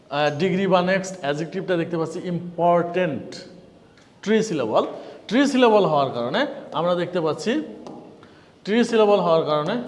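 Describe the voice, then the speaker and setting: Bangladeshi guy teaching grammar, asks then answers his own questions, highish voice, lots of reverb. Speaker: English teacher. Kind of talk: classroom grammar lecture.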